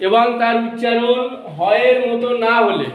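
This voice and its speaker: A man's voice: very high voice, moderate pace, lo-fi sound. A man teaching an English grammar lesson in a classroom, asking students questions and repeating their answers. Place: coaching classroom. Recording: very echoey classroom.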